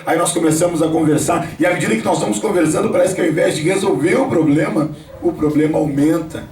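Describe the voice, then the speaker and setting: A man, preaching a sermon at a home worship gathering and speaking directly to his listeners. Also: high voice. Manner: storytelling, addresses listeners directly. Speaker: pastor. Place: home, gathering of family and church members. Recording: echoey room, voice from a distance.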